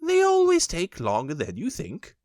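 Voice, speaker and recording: A man voicing a brisk, bossy rabbit who speaks in a commanding tone. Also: high-pitched, wildly swooping pitch, darkish tone, no echo, studio quality, voice pushed up.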